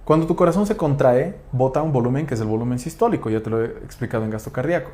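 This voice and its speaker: A man's voice: medium pitch, expressive, fast talker, warm tone. A man lecturing on physiology, asking rhetorical questions and checking in with tag questions. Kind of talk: explanatory lecture.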